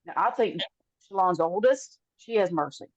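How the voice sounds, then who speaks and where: A woman's voice: lowish voice, lively intonation, moderate pace, no room sound. A woman co-hosting a casual faith podcast, telling personal stories at length. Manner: warm storyteller, acts out voices in anecdotes. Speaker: podcast co-host. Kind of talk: casual faith chat, storytelling. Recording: dull, slightly muffled sound.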